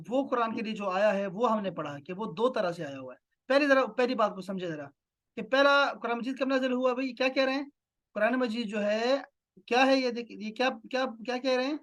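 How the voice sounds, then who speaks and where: A man from Pakistan teaching an online class in a questioning, repetitive manner. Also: very high-pitched. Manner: questioning, repeats "theek hai" and "na".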